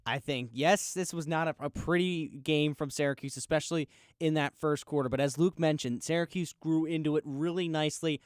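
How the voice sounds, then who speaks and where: A man hosting a casual sports radio show from a studio, telling listeners to calm down in an easygoing way. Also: on the high side, fairly quick, clean tone, no room sound. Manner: laid-back, urging everyone to calm down. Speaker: radio sports talk host. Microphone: studio microphone.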